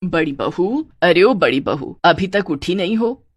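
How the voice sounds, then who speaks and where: A woman's voice: on the low side, lively intonation, a little slow, dry recording. A woman voicing a naive, fussy older mother-in-law in a cartoon story, fretting and exclaiming over the housework. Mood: fretful.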